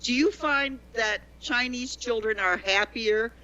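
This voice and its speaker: A woman's voice: a little high, unhurried, bright, forceful tone, muffled recording. A woman guest telling long, digressive stories about teaching, chatting casually in an interview. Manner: chatty, digressive storyteller with many restarts. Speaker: guest, former teacher in China. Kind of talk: conversational interview.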